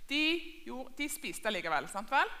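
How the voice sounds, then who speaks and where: Lively woman teaching children. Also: fairly high pitch. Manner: lively, asks children questions and repeats in two languages. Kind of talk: bilingual Sunday school lesson.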